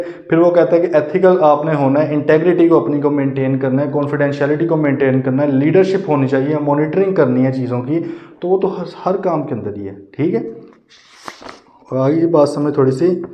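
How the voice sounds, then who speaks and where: A man teaching an online audit lecture, explaining each point by rephrasing it and checking in with the class. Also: a little high. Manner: explains by rephrasing and repeating points, asks "ठीक है". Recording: dull lo-fi sound in a roomy space.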